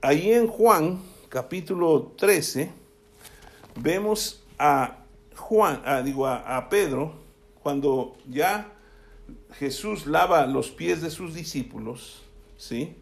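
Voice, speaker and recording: Man, preacher, sermon, higher-pitched voice, scripture reading, conversational explaining, tag questions. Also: expressive, takes it slowly, vocal fry.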